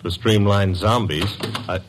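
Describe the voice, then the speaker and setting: Man playing Archie, low-voiced wisecracking detective's sidekick. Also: unhurried, natural voice. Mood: breezy, flirtatious. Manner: breezy, slangy, wry. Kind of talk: 1940s-1950s radio drama acting and hard-boiled narration. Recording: noisy vintage radio recording.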